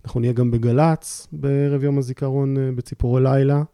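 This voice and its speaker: Gravelly dark-voiced man, halting speech. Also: medium pitch, flat delivery, no echo, studio quality. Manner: halting, pauses often to search for words. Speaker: podcast guest, memorial project organizer. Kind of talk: casual conversation.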